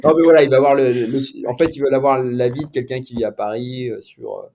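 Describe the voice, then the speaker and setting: A man's voice: mid-range voice, fairly even intonation, fast, noisy background. A middle-aged man, a sports journalist guest, chatting casually in an interview with many fillers and restarts.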